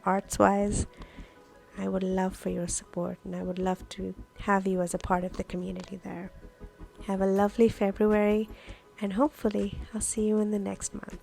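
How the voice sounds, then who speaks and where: With music playing behind her, a journaling vlogger and host who grew up with Urdu casually explains a craft process. Her voice is medium-pitched and dark, marked by a clear gravelly creak.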